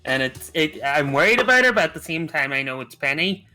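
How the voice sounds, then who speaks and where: Northern Irish male co-host, bright voice, loose joking delivery, stream chat. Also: fairly high pitch, very animated, brisk, faint music behind. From Northern Ireland. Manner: joking, laughs often, trails off.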